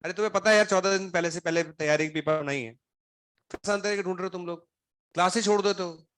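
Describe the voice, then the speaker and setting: A man's voice: sits high, fast, fairly bright tone, dry recording. A male coaching teacher scolding his students in class, stern and sarcastic, grilling them one by one while running a fever. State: feverish, throat unwell.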